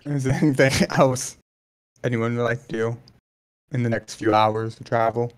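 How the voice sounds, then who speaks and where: A man narrating as game master, halting with many ums and restarts. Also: mid-range voice, fairly even intonation, no echo.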